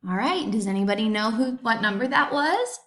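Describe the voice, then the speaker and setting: A woman teaching a kindergarten class remotely, reading sentences slowly and sounding out words for young children. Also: a little high, expressive, fairly bright tone.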